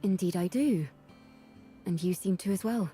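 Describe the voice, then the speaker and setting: A mysterious blade-wielding stranger from a game, voiced by a woman, her tone mellow and dark. She speaks coolly and with composure. Guitar music plays softly behind. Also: medium pitch, moderate pace, close to an everyday voice. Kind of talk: game voice acting.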